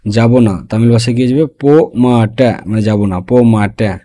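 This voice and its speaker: A man with a mellow, warm voice gives a patient spoken language lesson. He breaks each phrase into parts and keeps checking that his listeners follow. His pitch sits in the middle range. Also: fairly even intonation, fast. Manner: explains phrase by phrase, often asking "okay?". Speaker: language teacher.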